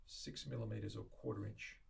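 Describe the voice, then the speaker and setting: A man's voice: fairly low pitch, wildly swooping pitch, normal speed, vocal fry. A man demonstrating guitar making in a woodworking workshop, chatty and thinking aloud as he works, with playful outbursts. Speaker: guitar maker. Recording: voice distant from the mic.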